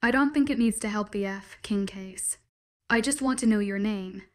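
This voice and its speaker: A woman's voice: medium pitch, moderate pace, slight background noise, lightly acted. Woman reading a brooding young man, short and blunt.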